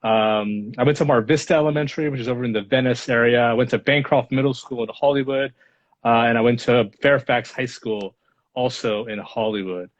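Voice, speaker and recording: A Los Angeles lawyer in his thirties, a native Spanish speaker, answers interview questions as a guest reflectively, with many fillers. His mid-range voice is fairly even in intonation and a little fast. The audio is dull and lo-fi.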